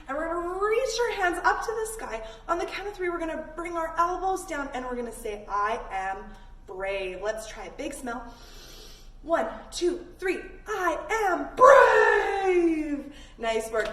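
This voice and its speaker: A Canadian woman with a high, slightly bright voice runs a guided kids' yoga class built around a story. Step by step, she gives simple, encouraging instructions for each pose. Background noise, room echo and a distant mic color the audio.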